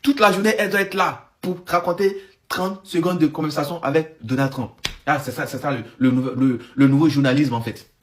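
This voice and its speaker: Man, sarcastic, rambling, casual commentary, fairly high pitch. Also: a little fast, a little hiss or hum. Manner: rambling, sarcastic, lots of restarts. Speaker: online commentator.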